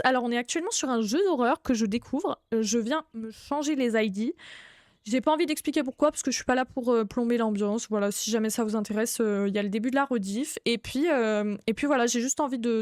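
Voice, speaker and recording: A young woman with a high, bright-sitting voice chats her way through a horror game on a live stream. She greets her viewers one by one and swears casually. Her voice is recorded close and dry on a desk mic. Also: dry recording. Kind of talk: live gaming stream commentary.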